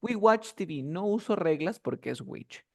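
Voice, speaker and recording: A man's voice: high voice, animated, unhurried, creaky. Patient male teacher drilling words. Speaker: English teacher. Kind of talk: online class instruction.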